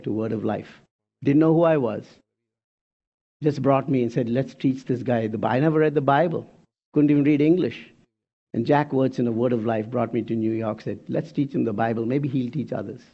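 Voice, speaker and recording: A man in his sixties preaching a sermon in an animated way, firing rhetorical questions and swinging between loud and soft. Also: mid-range voice, highs cut off. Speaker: pastor.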